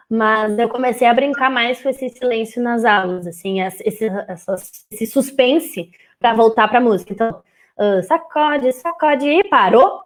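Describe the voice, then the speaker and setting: A young woman talks casually and warmly about teaching music to babies, her voice sitting a little high. She breaks into short playful sung phrases now and then. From southern Brazil. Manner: lively, sings short playful phrases to show children's songs. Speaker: music teacher and speech therapist guest. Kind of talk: casual live chat.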